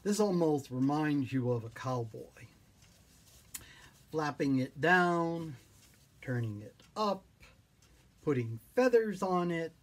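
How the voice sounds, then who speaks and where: A clown giving an informal, playful and theatrical demonstration in a silly, whimsical, rambling way, with a husky voice and repeated phrases. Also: medium pitch, expressive, slow pace, pauses often. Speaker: clown teaching wig and costume styling.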